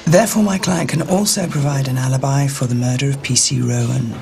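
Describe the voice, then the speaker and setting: An actor playing a dry, challenging defence solicitor in a television police drama. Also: male voice, mid-range voice, fairly quick, gravelly, natural voice.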